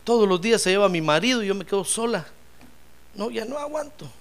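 A man's voice: high-pitched, very fast, fairly bright tone, clear, resonant tone. A man voicing a desperate woman who pleads tearfully and says she is worn out. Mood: pleading.

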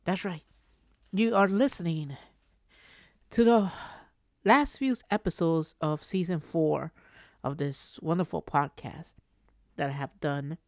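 A woman with a slightly low voice hosts a podcast opening like a circus ringmaster. She announces with theatrical, showy greetings. The sound is very dry, with no room to it. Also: takes it slowly, pauses often, darkish tone, no echo. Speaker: podcast host. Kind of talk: ringmaster-style show opening.

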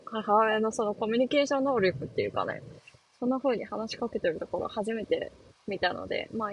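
A woman's voice: mid-range voice, a little hiss or hum, poor audio. A young woman hosting a casual solo talk show, chatting and laughing with many fillers. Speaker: podcast host.

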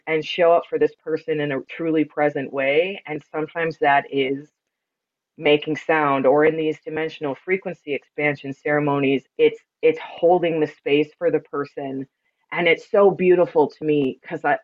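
This podcast guest, a practitioner of spiritual sound and ceremony, has a rich, deep voice with real resonance. Her manner is earnest, thoughtful and emphatic, like someone explaining ideas during a relaxed interview, though the audio comes across as a bit muffled and low-fidelity.

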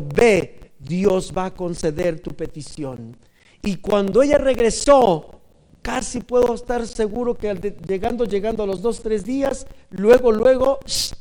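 An older man with a Mexican accent preaching a sermon to a congregation, moving from hushed asides to loud, drawn-out emphatic calls. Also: sits high, poor audio. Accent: Mexican Spanish. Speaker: pastor.

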